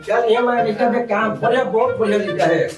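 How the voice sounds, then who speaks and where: A man's voice: high voice, fast talker, music in the background, natural voice. A man playing an assuring village uncle in a comedy skit, speaking in short urgings with a Chhattisgarhi accent. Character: assuring village maternal uncle arranging a match. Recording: roomy echo, distant microphone.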